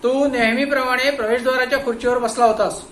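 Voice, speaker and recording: A stern male police inspector shouts accusations during an interrogation, as a storyteller puts him on. The voice sits high and bright, forceful and cutting. It rings in a roomy space with a faint hum behind it. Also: fairly quick. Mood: angry.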